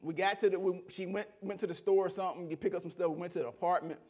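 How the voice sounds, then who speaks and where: A middle-aged man, a minister, giving a sermon testimony, animated in his storytelling, laughing often and swinging between near-shouts and low asides. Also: rapid-fire.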